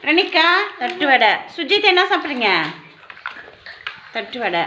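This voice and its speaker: A woman teacher talks with small children in a classroom, calling each child by name and echoing their answers. Her voice sits high and swings widely in a gentle, coaxing sing-song, with a bright, forward tone. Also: big pitch swings, unhurried, a little hiss or hum. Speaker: preschool teacher.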